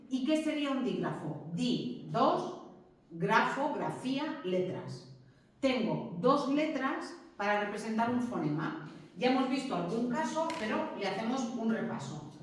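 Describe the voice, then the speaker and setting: Woman, teacher, classroom lecture, explains and checks understanding, distant mic, heavy room echo. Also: medium pitch. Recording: very echoey classroom, mic far off.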